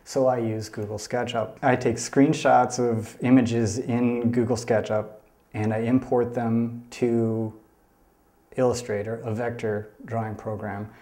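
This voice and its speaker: A comic artist speaking earnestly in a documentary interview, halting now and then. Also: male voice, lowish voice, a little mellow. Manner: earnest, halting, with many fillers.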